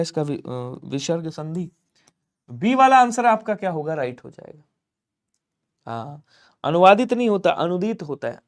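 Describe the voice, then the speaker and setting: A man from Lucknow teaching a live online exam-prep class, with a fairly high voice. He fires questions at viewers and answers them himself in a call-and-response rhythm. He keeps pushing people to comment fast. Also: darkish tone. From Lucknow, India. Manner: drills answers by asking and answering his own questions; urges viewers to comment quickly. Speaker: Hindi teacher.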